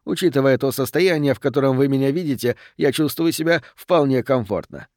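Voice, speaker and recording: A man voicing a calm, refined male federal agent with a melodious Southern American accent, speaking in a polished, courteous way. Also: mid-range voice, fairly quick, no room sound, studio quality, lightly acted. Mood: suave.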